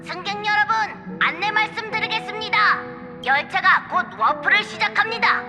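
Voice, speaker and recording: A woman's voice: moderate pace, pushed and bright, big-room sound, soft background music, full character voice. A woman voicing a tiny, fussy creature who conducts a train, making an announcement over the train intercom in a game cutscene. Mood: formal announcing. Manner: high squeaky fussy delivery.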